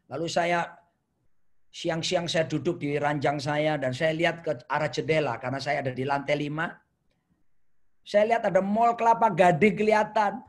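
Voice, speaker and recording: A man preaching a sermon over a video call in a notably high voice. He tells stories in a playful, animated way and keeps asking his listeners questions. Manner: playful, animated storytelling, asks the audience questions.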